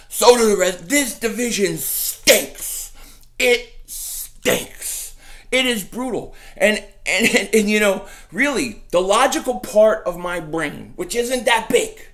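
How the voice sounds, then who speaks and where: Excitable trash-talking male sports fan. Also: high voice. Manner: animated trash-talking, repeats his punchlines. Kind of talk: casual sports rant.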